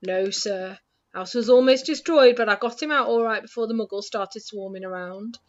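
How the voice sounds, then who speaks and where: A woman voicing a big, soft-hearted male giant with a loud, rustic and emotional way of talking, in a dull lo-fi recording. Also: a little high, moderate pace, close to an everyday voice. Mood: proud.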